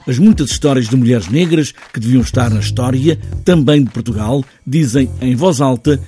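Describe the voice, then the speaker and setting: A man giving a formal, measured narration for a news report. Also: mid-range voice, warm tone, faint music behind.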